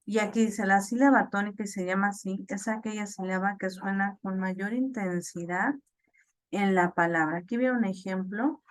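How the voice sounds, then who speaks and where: A woman teaching an online class, explaining slowly with fillers and repeats and checking in with "ok?". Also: mid-range voice, fairly even intonation, no room sound. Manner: slow, halting explanation with many fillers and repeats; checks understanding with "ok?".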